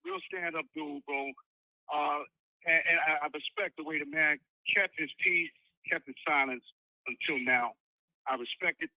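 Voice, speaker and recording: A man's voice: a little high, sing-song, moderate pace, vocal fry, dry recording, low-quality recording. Emphatic man calling into a show. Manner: emphatic, rising to loud points. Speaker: caller. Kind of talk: phone-in opinion.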